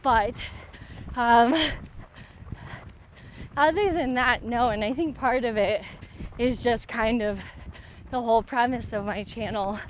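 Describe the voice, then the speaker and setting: Woman, slightly high voice, talking while running, loose informal chat, faint outdoor noise and footfalls. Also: slow, pauses often. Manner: hesitant, filler-heavy, informal. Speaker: athlete and vlog host. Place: outdoors, on a run.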